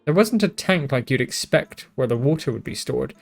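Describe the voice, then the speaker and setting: A man reads a visual novel aloud for his channel, his voice at an ordinary middle pitch. He keeps breaking off with jokes and swearing, and trips over words now and then. Faint music plays underneath. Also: expressive, normal speed, vocal fry. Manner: joking asides, swears, stumbles over words. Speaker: gaming YouTuber.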